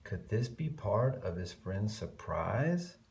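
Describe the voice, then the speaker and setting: A man reads a picture book aloud to young children, drawing out key words and slipping in chatty, murmured asides. He reads expressively and slowly, in a fairly low voice.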